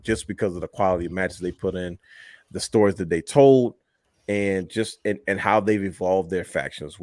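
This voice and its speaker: Low male co-host, loose and excitable, dry close sound. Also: no echo. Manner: animated, loose, laughs loudly, trails off mid-sentence. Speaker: podcast co-host. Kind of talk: casual late-night wrestling chat.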